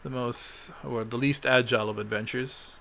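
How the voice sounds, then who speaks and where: A man running a tabletop game as game master, recapping the last session in a halting way, full of ums and uhs. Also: medium pitch, fairly even intonation, vocal fry, fairly bright tone, slight background noise.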